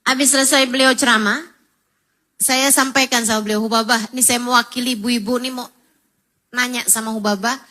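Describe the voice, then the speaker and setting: A woman's voice: fairly high pitch, fairly even intonation, low-quality recording. A woman preacher giving a sermon to a women's gathering, telling stories and acting out tearful prayers and quoted people. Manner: pleads loudly and slowly in emotional peaks. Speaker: female Islamic preacher.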